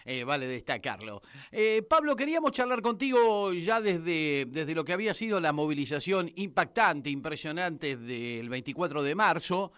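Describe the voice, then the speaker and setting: A man with an Argentine accent hosting a political radio show, emphatic and filling pauses with "eh" and "este". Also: fairly high pitch, big pitch swings, fairly bright tone, clear, resonant tone, no echo, studio quality. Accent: Argentine Spanish. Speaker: radio host. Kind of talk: political radio commentary and interview.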